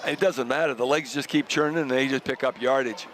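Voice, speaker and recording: A man giving casual color commentary on a high school football game. He is chatty and enthusiastic and chuckles often. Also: fairly even intonation, a little fast, background noise.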